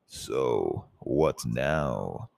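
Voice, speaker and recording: A blunt, grumpy dinosaur-like creature, as a man voices him. The voice sits very low and speaks in a flat, gruff way. It comes from a homemade audiobook reading. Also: very slow, heavily acted. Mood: grumbling.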